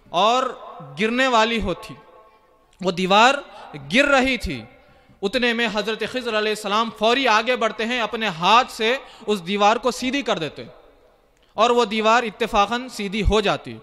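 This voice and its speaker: A male preacher from India with a high voice narrates a religious story as a sermon. His tone is sharp and ringing. He tells it vividly and voices the characters' lines himself. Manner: vivid retelling, acts out quoted dialogue. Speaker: Islamic preacher.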